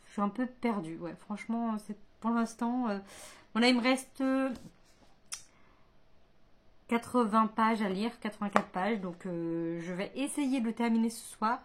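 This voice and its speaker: A woman's voice: on the high side, measured pace. A woman chatting casually in a book vlog, hesitant and thinking aloud, full of fillers and restarts. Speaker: book vlogger. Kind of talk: casual chat.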